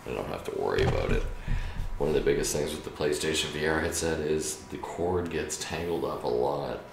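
A tired man with a raspy voice, casually chatting and rambling through a late-night live stream from his room at home. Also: very deep voice, animated, brisk, roomy sound, distant mic, a little hiss or hum. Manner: laid-back, rambling, swears casually. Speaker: game streamer.

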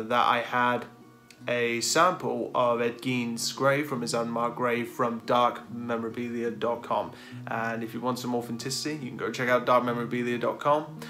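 A man in his thirties hosts a paranormal video in a casual, hesitant way. His voice is of middling pitch, and plucked guitar music plays clearly behind him. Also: sharp tone. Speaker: paranormal investigator and video host. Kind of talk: casual talk to camera. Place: dark room indoors.

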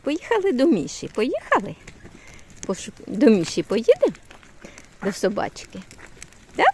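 A woman's voice: on the high side, huge pitch swings, unhurried, dark tone, slight background noise. An older woman from Ukraine chatting casually in cooing baby talk to a toddler while walking outdoors in a yard. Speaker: grandmother vlogger. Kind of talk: casual chat while babysitting.

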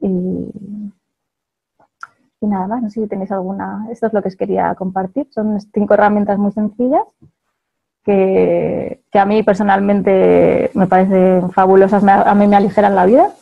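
A woman's voice: medium pitch, little pitch movement, moderate pace, gravelly, lo-fi sound. A woman with a Spain Spanish accent giving a chatty motivational talk to an audience, laughing often and checking in with her listeners.

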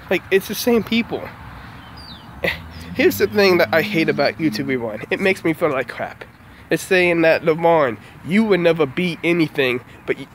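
A small vlogger in his mid-twenties rants casually into a phone held at arm's length while standing outdoors beside a house. His voice sits a little high for a man, and he sounds frustrated and dejected, circling back over the same complaints. Faint street noise hums in the background.

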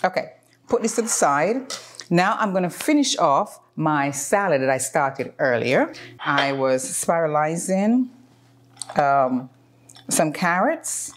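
With the camera close in front of her, a woman in her fifties runs a home cooking demo in her kitchen for her cooking channel. She speaks in a low voice, chatting easily and explaining as she works, with plenty of ums and restarts.

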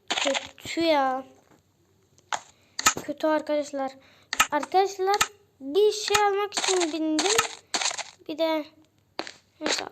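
Young girl, child gamer, high voice, chatty game commentary, loud background noise. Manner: chatty, addresses viewers as friends constantly. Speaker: gaming channel host.

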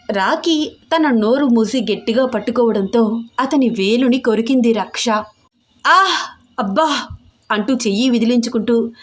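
A woman storyteller reading a romance serial in a steady, matter-of-fact way. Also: fairly high pitch. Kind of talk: scripted story narration.

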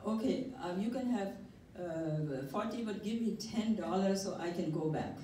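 An older woman at a workshop shares a personal story into a handheld mic in a community room, talking conversationally and hesitantly with plenty of fillers. Her voice is medium in pitch and dark in tone, at a moderate pace. The recording is noisy and echoey, with the mic held at a distance.

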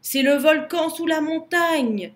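A woman voicing a friendly but easily frightened baboon guide in a storybook, loud and excitable. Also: on the high side, slow. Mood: panicked. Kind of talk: storybook reading.

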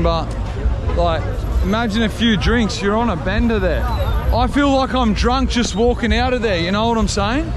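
Male street vlogger, broad New Zealand accent, high pitch, matey slang, heavy crowd noise. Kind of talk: casual street vlog commentary. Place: outdoors on a busy nightlife street. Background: loud music and crowd.

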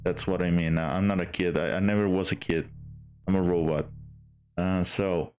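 Hesitant, deep-voiced male streamer. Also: fairly even intonation, moderate pace, a little mellow, soft background music. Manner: hesitant, many fillers and restarts. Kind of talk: casual game stream chat.

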